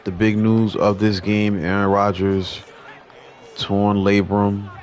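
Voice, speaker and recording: Deep-voiced man commentating a football game. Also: slow pace. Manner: relaxed, conversational, mild restarts. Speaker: gaming commentator. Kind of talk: casual video game play-by-play commentary.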